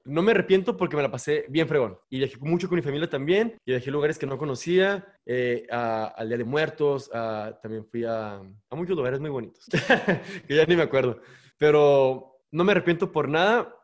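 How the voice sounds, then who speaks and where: A young man with a Mexican accent, telling a story as an interview guest, lively and quick to laugh at himself. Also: a little high. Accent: Mexican Spanish. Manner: lively, laughs often, self-mocking. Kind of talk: casual storytelling.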